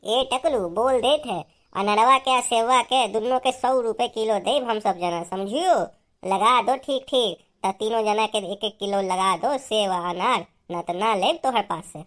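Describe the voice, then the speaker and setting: Woman doing a shrill bossy elder sister with an Awadhi accent. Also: measured pace, a bit bright. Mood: scolding. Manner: shrill, scolding haggler. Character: bossy elder village sister, haggling schemer. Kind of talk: cartoon voice acting.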